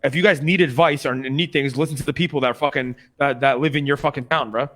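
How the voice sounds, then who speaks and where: A man's voice: mid-range voice, steady tone, quick pace, fairly bright tone. A man in a roleplay game, pushing his point in a pushy, profane way. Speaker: gang member in a roleplay game.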